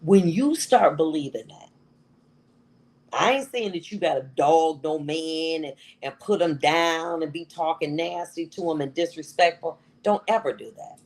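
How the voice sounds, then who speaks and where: A woman's voice: deep voice, unhurried, a little mellow, poor audio. A middle-aged woman giving a motivational talk to an audience, emphatic and repeating phrases for effect. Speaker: motivational speaker.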